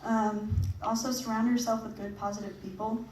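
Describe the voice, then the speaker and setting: A woman's voice: on the high side, little pitch movement, normal speed, a little mellow. A young woman giving a casual, chatty talk to a church audience about her mission trip. She laughs often and leans on fillers. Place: church hall. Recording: echoey hall, picked up from a distance, faint noise.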